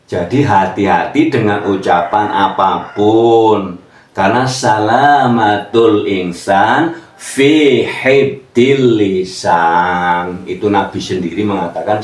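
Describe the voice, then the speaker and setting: A man giving an informal religious lesson, explaining slowly and acting out pronunciations. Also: fairly low pitch. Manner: slow and explanatory, acts out pronunciations. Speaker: religious teacher. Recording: echoey room, distant from the mic.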